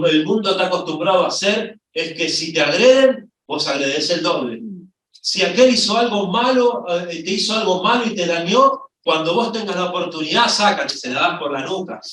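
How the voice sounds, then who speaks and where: Argentine pastor preaching in an echoey church. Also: male voice, a little high, far from the mic. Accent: Argentine Spanish. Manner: storytelling, lively, voice rising when excited. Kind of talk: sermon. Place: church hall.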